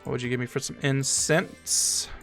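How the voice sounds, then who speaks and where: A man streaming a strategy game, chatting casually, thinking aloud, talking to his chat, and sometimes reading game text aloud slowly. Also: mid-range voice, fairly even intonation, vocal fry, fairly bright tone, soft background music. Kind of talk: casual gameplay commentary.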